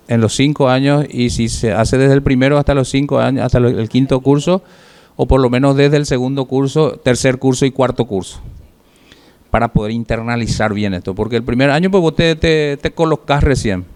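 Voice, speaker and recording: A man teaching public speaking, giving feedback to his class in a measured way, listing points with pauses and rhetorical questions. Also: medium pitch, a little mellow, clear, resonant tone.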